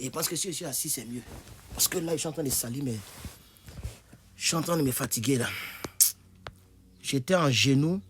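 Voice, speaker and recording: A man's voice: medium pitch, slight background noise. Man, tired online English teacher, talks from bed, loose and repetitive, demonstrates every phrase. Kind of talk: casual online language lesson. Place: indoors, on his bed.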